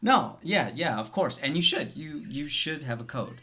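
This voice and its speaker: A man voicing an awkward, forward man who haltingly asks a woman out and turns crude, in a comedic scripted read. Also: fairly high pitch, animated, fairly bright tone. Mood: flirty. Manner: bashful and hesitant, then crude.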